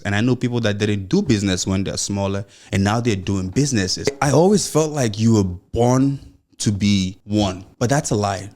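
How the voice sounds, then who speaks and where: A lowish, somewhat mellow male voice belongs to a young adult Nigerian-accented podcast host delivering motivational content alone. He stammers mildly, speaks earnestly and encouragingly, and lets his phrases run on, leaning often on "you know."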